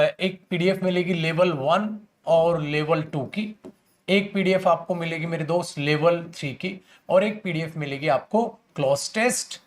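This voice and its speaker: A young man teaching an exam-prep class, asking his students questions and answering them himself, and reading English sentences slowly word by word. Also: on the high side. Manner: addresses students as beta and mere dost, asks and answers his own questions. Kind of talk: online exam-prep lesson.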